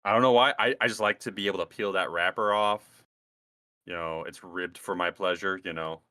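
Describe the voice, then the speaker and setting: A man with a very low voice and a bright, forceful edge, rambling and joking crudely in casual podcast chat. The sound is dry and close. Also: brisk, no room sound. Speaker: podcast co-host.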